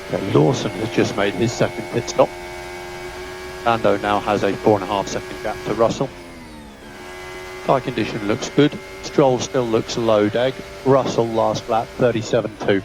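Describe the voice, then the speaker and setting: A race engineer speaks over a team radio transmission, the hum of engines and vehicles filling the noisy channel. His lowish, creaky voice holds a steady tone at normal speed as he gives clipped, businesslike technical instructions and updates.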